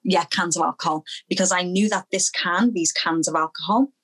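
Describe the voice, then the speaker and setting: A young woman from Liverpool, speaking as an interview guest, earnest and halting, often repeating phrases as she recalls her past. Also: lowish voice, steady tone, fairly bright tone, husky, rough recording. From Liverpool, England. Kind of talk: personal testimony in an interview.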